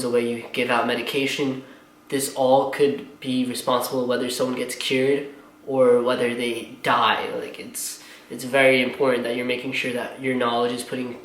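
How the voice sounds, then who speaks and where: A man's voice: mid-range voice, a bit bright, echoey room, a little hiss or hum, rough recording. A young man, a pharmacy student, talking casually and earnestly to camera, rambling with many fillers and a little out of breath. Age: young adult. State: slightly out of breath. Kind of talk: casual vlog talk to camera.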